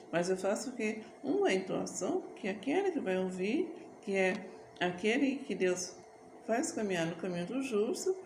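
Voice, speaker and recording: A woman gives a rambling devotional sermon and breaks into slow worship singing. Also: on the high side, creaky, roomy sound, noisy background. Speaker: preacher. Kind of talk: informal sermon with sung worship.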